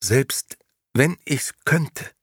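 A man voicing a little girl who is frozen and barely conscious, speaking weakly and haltingly. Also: medium pitch, expressive, a bit bright, slightly rough, no room sound, clean studio sound, voice pushed up, heavily acted. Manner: weak, faltering, halting.

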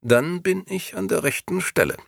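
A cold grey agent from a storybook, clipped and insistent, pressing his pitch in a raised, swooping tone, as a male reader puts him on. The voice has a gravelly edge and sits close in a dry, dead room. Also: animated, moderate pace, no echo, heavily acted. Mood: coldly persuasive.

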